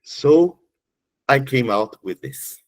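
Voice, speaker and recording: A man's voice: lowish voice, sing-song, a little slow, low-quality recording. A middle-aged man, a geneticist, giving a webinar lecture, explaining step by step and often checking with "okay?". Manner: counts aloud with the audience.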